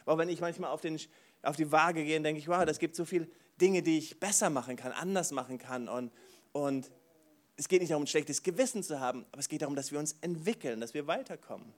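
A man preaching a sermon, animated, moving between soft asides and loud bursts, often exclaiming "wow". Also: fairly high pitch, quick pace. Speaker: pastor.

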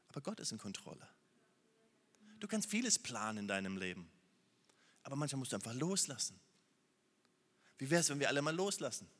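A man preaching a sermon, moving between loud, urgent appeals and soft, hushed prayer. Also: a little high. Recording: long hall reverb.

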